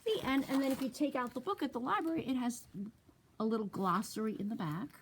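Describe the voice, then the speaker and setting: A woman's voice: a little high, fast talker, slight background noise. A woman librarian reading a picture book aloud to young children, asking them questions as she goes. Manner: animated, asks children questions. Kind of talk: storytime read-aloud.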